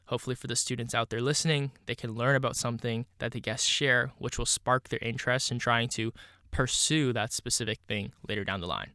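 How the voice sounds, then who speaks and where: A young man in his early twenties hosts a solo podcast with a stuffy, congested nose. His voice is bright and crisp, and it sits close and dry on the mic. He talks casually and thoughtfully, dropping plenty of "you know" as he goes. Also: mid-range voice, fairly even intonation, fairly quick, dry recording. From Canada. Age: 20s. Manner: casual, reflective, many "you know" fillers. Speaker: podcast host.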